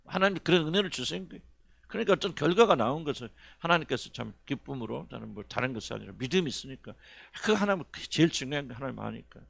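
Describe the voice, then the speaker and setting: A man's voice: mid-range voice, expressive, quick pace, creaky, fairly bright tone, no echo. A middle-aged male pastor preaching a sermon in a folksy, conversational way, often asking the congregation questions. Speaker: senior pastor.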